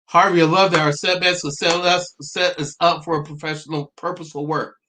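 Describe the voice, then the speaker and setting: A man in his forties hosting a live-streamed talk, earnest and halting, stopping often to restart and to read out viewer comments. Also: fairly high pitch, level tone, sharp tone. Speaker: livestream host.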